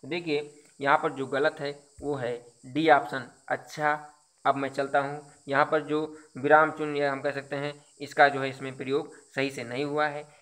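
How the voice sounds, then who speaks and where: A man's voice: medium pitch, fairly bright tone. A man teaching Hindi, going through exam questions one by one, explaining each answer with repetition and rhetorical questions. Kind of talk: exam quiz lesson.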